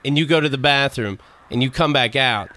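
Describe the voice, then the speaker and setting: A man's voice: mid-range voice, brisk, bright, forceful tone. A man hosting a casual chat show, reading listener emails with frequent fillers and laughs. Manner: chatty, laughs often, hesitant fillers. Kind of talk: casual radio-style chat.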